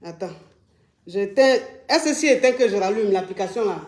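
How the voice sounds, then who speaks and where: A woman's voice: mid-range voice, expressive, normal speed, darkish tone. A woman hosting a casual live stream from a phone in Dubai, chatting and repeating herself as she promotes a product and fields calls. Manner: chatty, repeats herself, addresses viewers affectionately.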